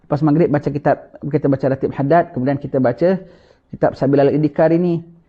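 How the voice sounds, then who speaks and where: A man gives a religious lecture, preaching in an animated way and often prompting listeners with "ha?". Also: a little high, fast, slightly rough. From Singapore. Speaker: religious teacher. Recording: lo-fi dull lecture recording.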